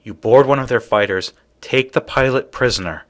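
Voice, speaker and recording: A man acting a nervous, brainy, awkward engineer in a video game, with halting, stammering speech. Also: mid-range voice, natural voice. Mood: excited.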